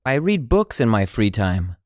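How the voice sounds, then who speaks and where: Teacher voice for phrase drills: slow, chunked repetition, dry close sound. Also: mid-range voice, very animated, darkish tone, no room sound. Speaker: language teacher.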